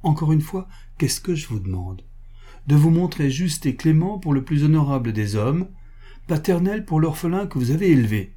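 Brief: man doing a coy, ironic marquise, lifted higher and lively, mellow tone. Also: normal speed. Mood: pleading. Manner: playful, coaxing, ironic. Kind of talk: audiobook character reading.

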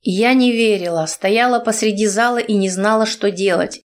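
A woman narrates an audiobook in the first person. Her delivery is earnest and emotional, in a mid-pitched voice. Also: normal speed.

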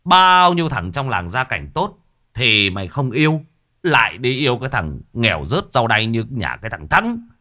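A man's voice: medium pitch, sing-song, normal speed, voice pushed up. A man voicing an angry old father scolding his daughter in a story reading. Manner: scolding, loud.

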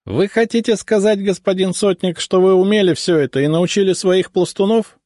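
A man's voice: mid-range voice, brisk, darkish tone, no room sound, clean studio sound, pitched above the performer's own voice, natural voice. A man playing a polite young ensign. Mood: surprised. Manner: formal, courteous questions. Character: polite, surprised young male ensign officer.

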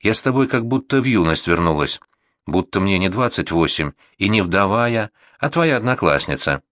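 A man with a deep voice voicing a tender, weary young widow in an audiobook, gentle and pleading. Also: big pitch swings, normal speed. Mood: wistful. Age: 20s. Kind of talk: audiobook narration.

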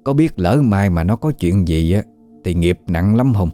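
A man's voice: deep voice, expressive, a little slow, dark tone, soft background music. Man playing a stern old village shaman woman. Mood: scolding. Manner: stern, commanding.

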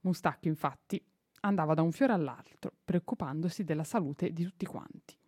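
A woman reading a children's novel aloud on radio, expressive and unhurried, with small slips and self-corrections. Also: deep voice, breathy edge, dry recording, clean studio sound, soft background music. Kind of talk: storybook reading. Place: radio studio.

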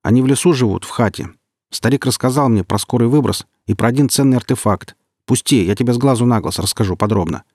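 A man voicing a rough, cynical male stalker who talks loudly and wheedles. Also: medium pitch, fast talker, no room sound, clean studio sound, pitched above the performer's own voice, lightly acted. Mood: persuasive. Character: hungry cynical male stalker, gruff and pleading.

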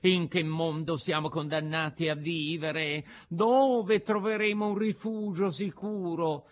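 A man voicing a cunning, smooth-talking fox in a storybook reading, with a sly, drawn-out, mock-sorrowful manner. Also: on the high side, steady tone, voice pushed up.

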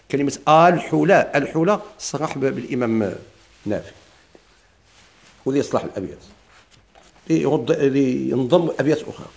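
A man with a Moroccan Arabic accent, teaching Quranic readings in a classroom lesson and chanting verses slowly. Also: medium pitch, darkish tone. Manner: explains in dialect, chants quoted verses slowly.

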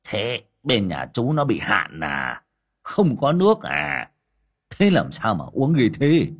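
A boisterous old country man calls out in a raised, husky voice, as a male narrator acts him out. He sounds easygoing and hearty. His tone stays lively and bouncy throughout. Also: unhurried, exaggerated voice. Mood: puzzled. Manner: booming, laughing, reassuring. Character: scrawny old village man, jovial and loud.

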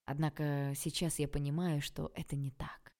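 A woman's voice: sits low, expressive, normal speed, warm tone. A woman voicing a stern, irritated male university lecturer who talks in a cold, clipped, scolding way. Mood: cold irritation.

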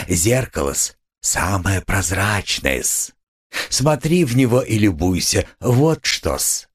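A man's voice: on the low side, husky, heavily acted. A man reading an audiobook, voicing a sly, fawning middle-aged police investigator who peppers his talk with old-fashioned polite endings.

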